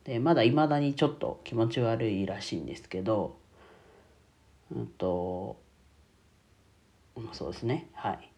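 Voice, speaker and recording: A man's voice: lowish voice, moderate pace, pauses often, darkish tone. Man with a stuffy, nasal voice. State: congested from a cold. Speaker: bookkeeping YouTuber and streamer. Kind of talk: casual solo talk to listeners.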